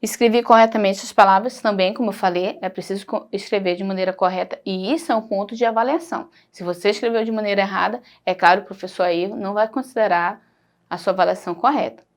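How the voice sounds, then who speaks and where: A woman teacher with a Brazilian Portuguese accent speaks quickly in a mid-range voice. In this recorded primary school lesson, she explains things patiently and points details out as she goes.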